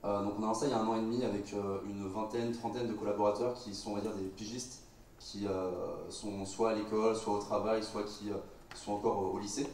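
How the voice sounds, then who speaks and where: Deep-voiced young man in an echoey hall. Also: fairly even intonation, darkish tone, slight background noise. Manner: halting, frequent fillers. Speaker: media website cofounder. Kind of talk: casual panel talk. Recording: roomy hall mic from far off.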